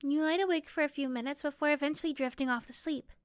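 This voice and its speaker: A woman reads scripted second-person story narration for a roleplay, acting as narrator and performer. Her voice sits high and steady as she moves fast, recorded with clean studio sound and no room sound.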